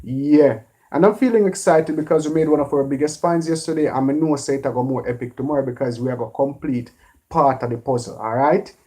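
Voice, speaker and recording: A Jamaican man hosting a casual live stream, giving relaxed shout-outs to viewers by name. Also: medium pitch, a little fast. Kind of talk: live stream chat, reading viewer names.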